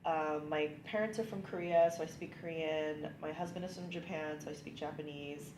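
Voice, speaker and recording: Her voice sits low and steady, moving at a normal pace, as the California immigration lawyer in her thirties chats cheerfully through an interview sprinkled with ums and likes. There's room echo and a light background hiss.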